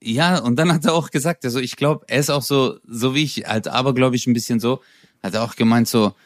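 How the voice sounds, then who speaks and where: A man in casual chat, telling an animated story with lots of slang and acted-out dialogue. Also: mid-range voice, brisk, no room sound, studio quality.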